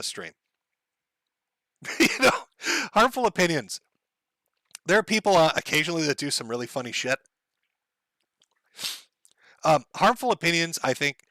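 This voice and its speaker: A man hosting a livestream, reading viewer donations out loud and telling stories in a casual, profane way, often laughing. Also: on the high side, no echo. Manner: profane, laughing, rambling storyteller.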